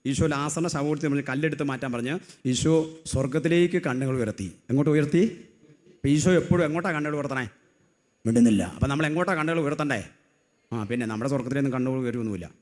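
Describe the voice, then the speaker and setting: A middle-aged man preaching with a rousing call-and-response style. He keeps having the crowd shout his words back to him. His voice is neither high nor low, and it swings between loud emphatic cries and quiet storytelling. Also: fast talker. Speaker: lay preacher. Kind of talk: sermon.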